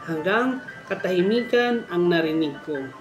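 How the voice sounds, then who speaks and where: Over a faint music bed, a storytelling host reads listeners' horror stories aloud. His voice sits high, animated and measured in pace, with a reverberant sound.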